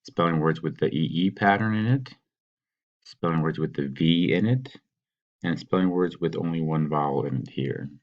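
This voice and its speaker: A man teaching, patiently talking students through a worksheet and sounding out words slowly. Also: rumbling low, lo-fi sound. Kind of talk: recorded classroom walkthrough.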